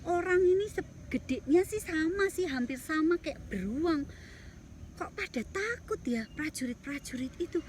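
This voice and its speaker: A brave young shepherd boy, as a woman storyteller puts him on, wondering aloud in a bedtime story. The voice stays very high and close to her own. A faint hiss runs behind it. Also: expressive, unhurried. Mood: indignant. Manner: wondering, hushed questions.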